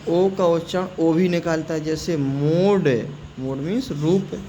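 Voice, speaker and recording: A man teaching English pronunciation, slowly spelling out words letter by letter and repeating them. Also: a little high, fairly even intonation, warm tone, highs cut off, slight background noise. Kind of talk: spoken classroom-style lesson.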